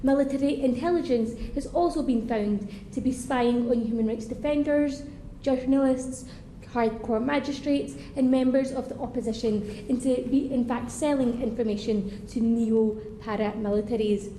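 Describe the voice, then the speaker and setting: A woman with a Scottish accent giving a formal parliamentary speech as a member of parliament, brisk and earnest. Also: fairly high pitch, mellow, roomy sound, slight background noise, low-quality recording. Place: parliamentary debating chamber.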